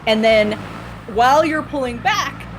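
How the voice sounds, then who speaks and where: A woman telling stories casually as a guest on a game stream, sweary and animated, with little acted-out asides. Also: sits high, measured pace. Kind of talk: casual chatty storytelling. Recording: clear background noise.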